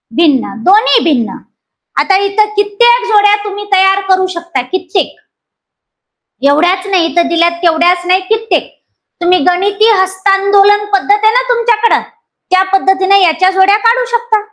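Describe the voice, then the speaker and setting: A woman from Maharashtra with a teaches a grammar class for exam aspirants. Her voice sits very high. She keeps quizzing the students and repeats each rule until it sticks. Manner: lively, questions students and repeats key points.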